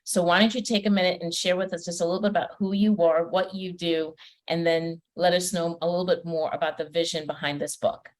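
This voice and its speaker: A woman's voice: fairly low pitch, fairly even intonation, brisk. A woman from Trinidad and Tobago hosting a podcast interview, chatty and welcoming, with frequent fillers. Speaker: podcast host and personal development coach. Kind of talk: conversational interview.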